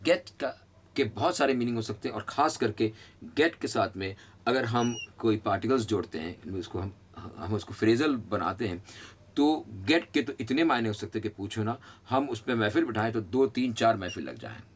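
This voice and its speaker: A middle-aged man teaching an English lesson, slowly drilling phrases between chatty asides. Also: lowish voice, expressive, breathy edge. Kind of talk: spoken English lesson in Hindi.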